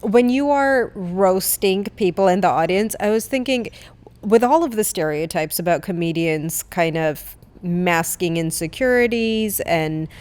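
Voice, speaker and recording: A woman's voice: on the low side, animated, measured pace, a little mellow, clear, resonant tone. A woman hosting an interview, asking thoughtful, probing questions. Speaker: interviewer, host.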